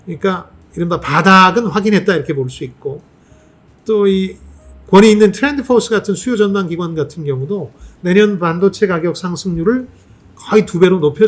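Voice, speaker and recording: A man hosting his own channel, giving a measured economic commentary with rhetorical questions and frequent filler sounds. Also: sits high, slightly rough.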